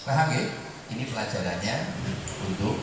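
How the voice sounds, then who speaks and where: Preacher telling a story, swoops up and down a lot, huge echo, long reverb, faint noise behind. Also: male voice, fairly low pitch, moderate pace. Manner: animated, dramatic storytelling with asides to the crowd. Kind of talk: storytelling sermon at a memorial gathering. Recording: echoey hall, voice far from the mic.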